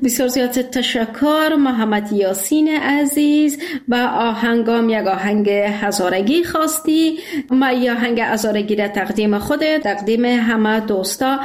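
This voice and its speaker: A woman's voice: a little high, echoey room. A woman hosting a call-in radio show, chatting in a friendly way with callers and laughing often. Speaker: radio host.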